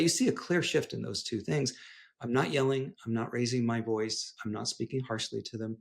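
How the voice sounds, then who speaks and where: A middle-aged man with a gravelly, creaky voice talks through his parenting advice in an easy conversational way. He is animated and playful and slips into little acted-out exchanges. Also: medium pitch. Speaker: clinical psychologist, podcast guest. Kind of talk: conversational interview.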